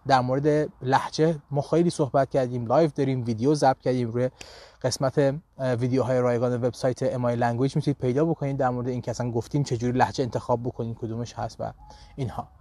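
Man, persian accent, language teacher, live online class, warm low tone, checks in with students. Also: dry recording. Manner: animated, addresses students directly and often checks with "okay?".

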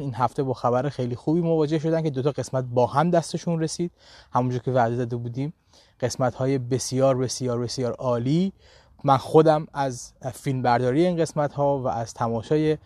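Man, persian accent, language teacher, live online class, warm low tone, checks in with students. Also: no room sound. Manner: animated, addresses students directly and often checks with "okay?".

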